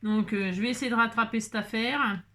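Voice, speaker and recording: A woman's voice: fairly high pitch, steady tone, fairly quick, sharp tone. A woman talking casually while making a card, chatty and self-mocking with frequent exclamations. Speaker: crafting vlogger. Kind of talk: chatty crafting tutorial.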